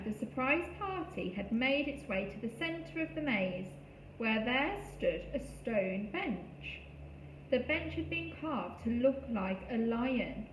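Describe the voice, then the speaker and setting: A woman reading a children's story aloud in a slow, expressive storytelling style. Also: on the high side, slight background noise. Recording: echoey room, faint ambience.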